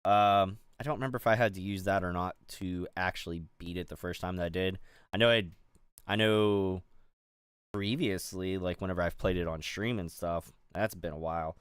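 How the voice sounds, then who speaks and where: A middle-aged man from the Pittsburgh area, USA, chats loosely on a stream while building a toy set, rambling with many fillers and restarts. His low voice is smooth and resonant with fairly even intonation, and the sound is close, dry, and free of room sound.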